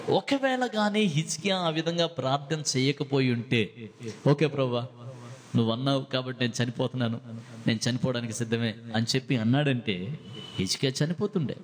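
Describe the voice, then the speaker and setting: A man preaching a sermon as a pastor, swinging between hushed, low lines and loud, high-pitched bursts, with a few English phrases mixed in. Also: big-room sound, slight background noise.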